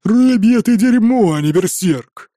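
Burly mocking warrior with a deep bass, gruff and slow, read by a male narrator. Dry, close sound. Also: animated, warm tone, no room sound.

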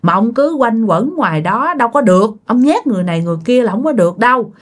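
A woman's voice: a little high, animated, quick pace. A woman voicing a pleading grieving widow. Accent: Southern Vietnamese. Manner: pleading, scolding. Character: grieving widow pleading with her dead husband.

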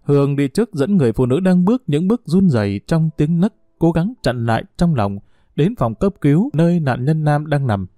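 A man's voice: a little high, lively intonation, brisk, dark tone, no echo, clean studio sound. Man reading an audiobook story. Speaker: narrator.

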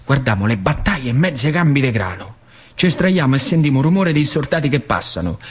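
In a radio monologue, an actor takes on the role of an old factory worker looking back reflectively on his boyhood, using a rural northern Lazio accent from central Italy. His mid-range voice is slightly rough and fairly quick, with big pitch swings. He speaks colloquially and vividly, shifting from hushed tones to cries.

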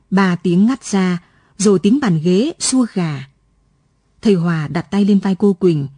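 A woman reading a story aloud as scripted late-night narration, in a calm, even manner. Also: medium pitch, slightly rough, no room sound. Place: radio studio.

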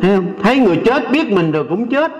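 High-voiced older monk, Southern Vietnamese accent. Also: male voice, big pitch swings, highs cut off. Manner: folksy, teasing, keeps asking the audience "right?"; slows to recite and sing verses. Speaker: Buddhist monk. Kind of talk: Dharma talk to a lay audience.

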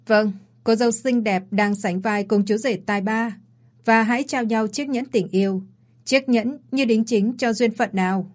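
A woman's voice: fairly high pitch, steady tone, normal speed, natural voice. A woman voicing a wedding emcee in an audio story, declaiming formally.

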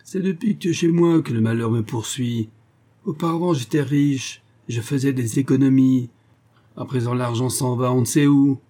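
A man voicing a furious, miserly old male farmer who shouts and stammers with rage. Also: fairly low pitch, flat delivery, fairly quick, close to an everyday voice. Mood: ranting.

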